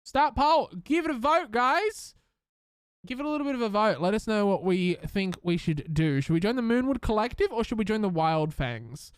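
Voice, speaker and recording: Upbeat male streamer, bouncy pitch, fairly high voice, chatty with viewers. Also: animated, normal speed, clear, resonant tone, dry recording, studio quality. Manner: chatty, upbeat, talks to chat and game characters. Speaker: streamer playing a life-sim game. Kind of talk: casual live-stream commentary.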